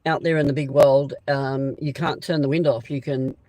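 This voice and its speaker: An Australian man hosting a casual live-stream chat outdoors beside a railway siding, rambling and hesitant with lots of pauses and restarts. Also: mid-range voice, little pitch movement, a little mellow, no room sound, poor audio. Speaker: channel host.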